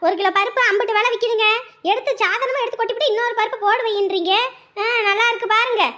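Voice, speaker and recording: A woman doing a shrill nagging mother-in-law. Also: fairly even intonation, quick pace, pushed and bright. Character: loud scolding older mother-in-law.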